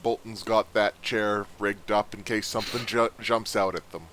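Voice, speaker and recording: A man's voice: on the low side, little pitch movement, normal speed, fairly bright tone, a little hiss or hum. A man playing a tabletop game, speaking in a playful, drawling way. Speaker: player. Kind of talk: tabletop role-play.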